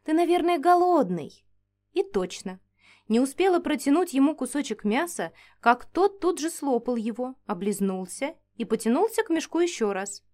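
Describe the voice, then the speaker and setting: A woman narrating a first-person fantasy audiobook in an expressive, animated way. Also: high voice, moderate pace.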